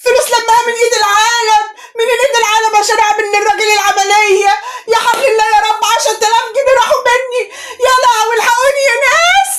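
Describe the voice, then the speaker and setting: A woman's voice: very high-pitched, fairly even intonation, racing, hardly any pauses. A woman playing a wailing Egyptian old lady. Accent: Egyptian Arabic. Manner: wailing, crying out loud. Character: distraught older Egyptian woman who lost money. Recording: noisy background.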